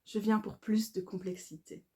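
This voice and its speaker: A Belgian author reads her own devotional poetry from her book, her warm, mellow voice sitting at a middle pitch. The delivery is calm, measured and incantatory.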